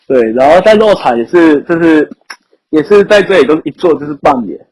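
A man's voice: on the high side, animated, fairly quick, a little mellow, poor audio. A young adult man with a Taiwanese accent telling stories casually as a podcast guest, often with a chuckle. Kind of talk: casual anecdotal storytelling. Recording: rough amateur podcast audio.

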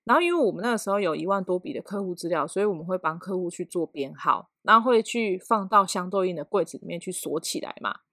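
A woman's voice: on the low side, quick pace, hardly any pauses, no room sound, clean studio sound. A woman in her thirties with a Taiwanese Mandarin accent, telling an office story in casual chat and acting out scenes with sound effects. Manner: animated, acts out scenes with sound effects and laughter.

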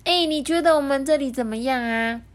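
Woman voicing a squeaky, bubbly young penguin for a storybook, eager and chirpy. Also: moderate pace. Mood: cheerful. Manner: chirpy, excited.

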